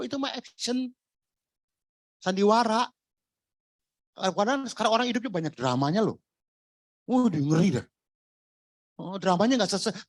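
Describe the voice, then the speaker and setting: Male pastor, casual joking sermon delivery, very lively intonation, dry recording. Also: high-pitched, dry recording. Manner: conversational, jokey preaching with rhetorical questions. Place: church.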